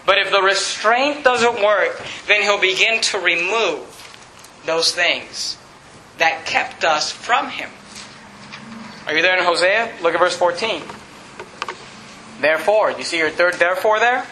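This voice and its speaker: A male pastor preaches in an echoey church, his high, sharply bright voice carrying over a faint background hum. He talks straight to the congregation and breaks off to read scripture aloud. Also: a little slow, pauses often. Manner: earnest preaching, reads scripture aloud, addresses congregation directly. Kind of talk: sermon. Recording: echoey room, faint ambient noise.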